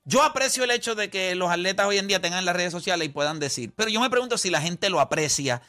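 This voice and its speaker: A man's voice: high-pitched, lively intonation, fast, bright, forceful tone. A man hosting a sports talk show, blunt and argumentative in casual debate.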